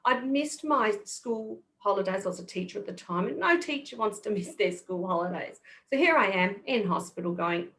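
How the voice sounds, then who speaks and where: A woman's voice: medium pitch, fairly bright tone. Patient Australian woman explaining. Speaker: guest kinesiologist. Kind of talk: podcast interview.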